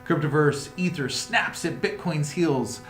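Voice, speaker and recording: This man's voice sits on the high side, and he speaks a little slowly while hosting a casual crypto news livestream. He reads out headlines and riffs on them in a loose, rambling way, with music playing in an echoey room.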